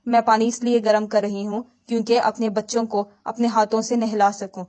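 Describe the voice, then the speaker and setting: A woman's voice: fairly high pitch, level tone, a little mellow, lightly acted. A woman voicing a grieving young wife and mother in a spoken religious story, in a tearful, pleading tone. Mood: sorrowful.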